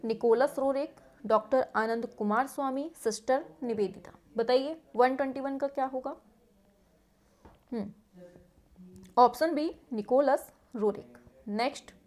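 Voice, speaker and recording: A young woman teacher running an exam quiz lesson, reading each question and its options in a steady rhythm. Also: high voice.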